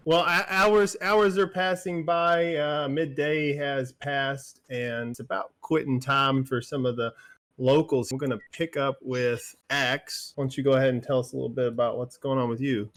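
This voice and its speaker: A man's voice: mid-range voice, fairly even intonation, moderate pace, fairly bright tone. A man narrating as game master in a tabletop game, casual and rambling, full of fillers.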